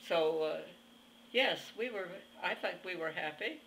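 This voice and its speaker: A woman over a hundred with a very old voice, answering an interviewer in a halting, plainspoken way with pauses mid-phrase. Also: lowish voice, expressive, fairly bright tone, slight background noise, rough recording. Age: over 100. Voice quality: very old, aged voice. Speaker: interview guest. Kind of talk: reminiscing in conversation.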